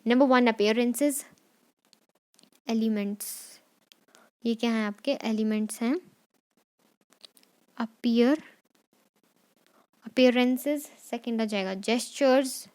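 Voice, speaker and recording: A woman teacher with a fairly high voice. She runs an exam revision lesson, switching between Hindi and English. She repeats each point and reads English definitions out slowly, as if for notes. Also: a little mellow.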